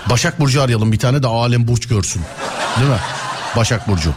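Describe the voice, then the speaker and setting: A man's voice: medium pitch, quick pace, noisy background. A man hosting a live radio call-in show, teasing callers and laughing often.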